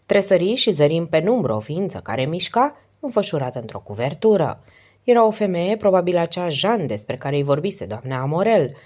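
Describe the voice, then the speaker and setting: A female narrator reads a novel aloud in a deep, low voice. Her delivery is steady yet lively in melody, rising and falling with the prose. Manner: steady, expressive reading. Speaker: audiobook narrator. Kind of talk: audiobook narration.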